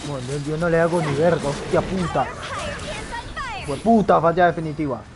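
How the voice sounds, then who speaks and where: A man's voice: on the high side, moderate pace, background noise. A male gamer talks through his own play in a slightly raised voice. He is loose and foul-mouthed and keeps throwing in sound effects as he goes. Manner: profane, excitable, blurts sound effects. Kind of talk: casual gameplay commentary.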